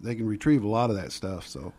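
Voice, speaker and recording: A man's voice: fairly low pitch, fast talker, darkish tone. A man chatting as a guest on a radio show, musing and a little hesitant. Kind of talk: casual radio chat.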